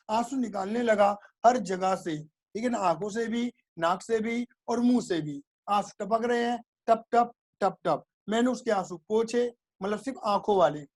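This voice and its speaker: A male teacher telling a playful story to explain a lesson, making sound effects and often asking whether it is clear. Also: high-pitched, a little mellow. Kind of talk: storytelling classroom lecture.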